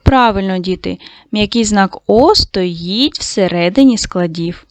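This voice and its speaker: A woman teaching a lesson to young schoolchildren, giving slow, clearly articulated instructions. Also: mid-range voice, dry recording. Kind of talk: online lesson for young children.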